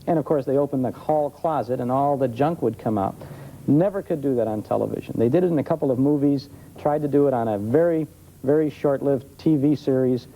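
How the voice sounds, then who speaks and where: Here a man with a medium-pitched, dark-toned voice talks a little fast as an expert guest in a TV studio. He tells stories with enthusiasm during a conversational interview, preserved on an old television tape with faint noise and poor audio.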